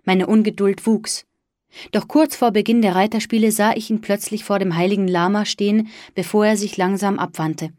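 A woman narrating a story in the first person with a calm, even delivery. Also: mid-range voice, moderate pace, dry recording, clean studio sound.

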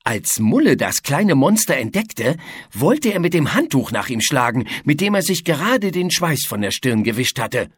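A man narrating a children's audiobook in a lively storytelling manner. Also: fairly high pitch, normal speed, breathy edge, no echo.

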